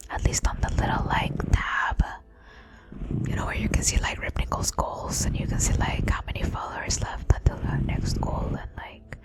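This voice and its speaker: A young woman whispering through a casual ASMR livestream chat, slangy and repeating words softly. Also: moderate pace, rough recording. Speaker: ASMR streamer.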